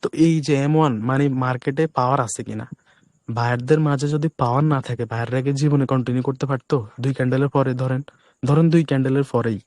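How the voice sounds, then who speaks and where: Hoarse man teaching fast and softly. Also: mid-range voice, steady tone, no echo. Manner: speaks deliberately softly to spare his voice. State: hoarse, voice breaking. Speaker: trading instructor. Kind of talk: live online class.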